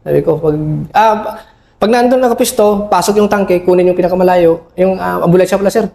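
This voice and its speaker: A middle-aged man, an army officer, recounting a battle in an interview, halting and full of fillers, respectfully calling his listener sir. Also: high voice, vocal fry, mellow. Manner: respectful toward a senior officer. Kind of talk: interview recollection.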